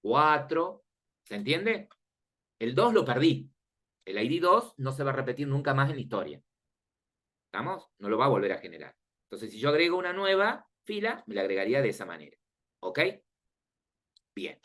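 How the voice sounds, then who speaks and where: A male teacher leads a lecture in a voice of ordinary pitch. He talks casually and kindly, walking through each step and pausing now and then to check that the class is following along. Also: sing-song, a bit bright. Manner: explains step by step, checks in often with "¿sí?" and "¿ok?"; informal and friendly with students.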